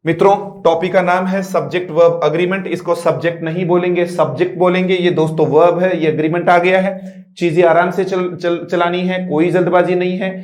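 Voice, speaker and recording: A man's voice: sits high, level tone, echoey room. A male teacher giving a patient classroom lecture, often checking that students follow and stretching out example words. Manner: repeats "dosto", asks "are you getting me"; patient, drawn-out word-by-word explanations. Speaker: English teacher.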